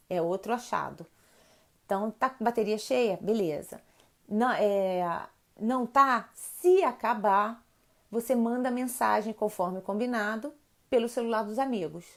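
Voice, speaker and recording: A woman in her forties with a Brazilian accent, a mother hosting a live stream about teenagers and chatting casually with viewers, acting out quoted dialogue as she tells stories. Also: a little high. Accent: Brazilian Portuguese. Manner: lively storyteller who acts out quoted dialogue.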